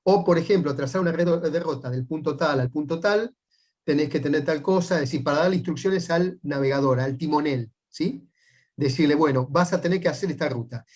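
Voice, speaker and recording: Rioplatense man teaching, fairly high voice. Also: fairly quick, a little mellow. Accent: Rioplatense Spanish. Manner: checks in often with rising "right?" tags; patient, methodical step-by-step explaining. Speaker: sailing instructor. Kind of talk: explanatory class lecture.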